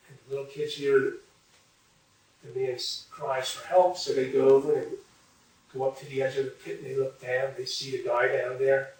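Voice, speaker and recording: A man slowly telling a moral parable, with pauses and fillers. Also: medium pitch, level tone, darkish tone. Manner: slow, unhurried storytelling with pauses and fillers. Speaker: storyteller. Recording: very echoey room, far from mic.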